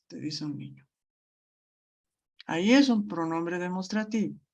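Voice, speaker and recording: Slow, patient woman teaching grammar. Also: medium pitch. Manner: slow, patient explaining with frequent check-ins. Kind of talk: online grammar lesson.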